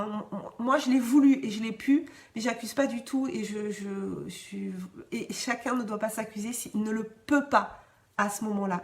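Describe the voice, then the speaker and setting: A woman podcast host chatting casually and encouragingly, reading listener comments with frequent restarts and light laughter. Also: a little high. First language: French. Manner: warm encouraging, often laughing; hesitant restarts, varied pace.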